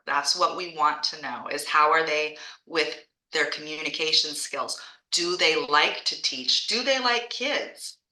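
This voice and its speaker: Woman presenter, low pitch, very bright and forceful tone, chatty, echoey room on a video call. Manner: chatty, enthusiastic, restarts phrases. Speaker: art school franchise founder and teacher.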